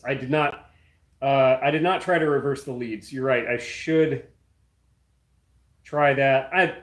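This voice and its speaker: A young male maker with a mid-pitched voice hosts a casual livestream from his home workshop, chatting loosely and unscripted while he tinkers at the bench. He rambles and thinks aloud with many fillers, working hands-on as he talks.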